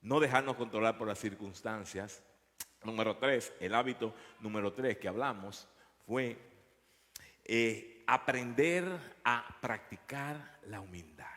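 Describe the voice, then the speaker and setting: A man preaching a sermon, telling a story with animated delivery and frequent repetitions. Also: lowish voice, unhurried, big-room sound. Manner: storytelling, animated, repeats words. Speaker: pastor. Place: church.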